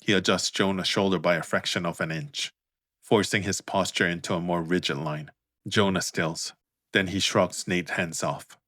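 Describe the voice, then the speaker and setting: A man narrating his own audiobook in a steady, even reading. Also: low-pitched, normal speed, no room sound, studio quality. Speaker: author narrator.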